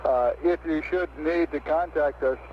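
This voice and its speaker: A man's voice: on the high side, a little slow. A man working as a mission control communicator, speaking in procedural calls over crackly military-style radio. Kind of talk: procedural radio talk, reading out figures. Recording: dull radio link with static.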